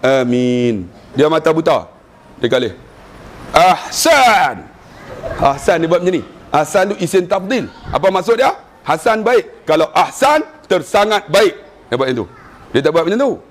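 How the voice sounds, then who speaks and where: High-voiced Malaysian preacher telling stories. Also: male voice, brisk. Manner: animated storytelling with jokes and chanted recitation. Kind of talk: humorous religious lecture.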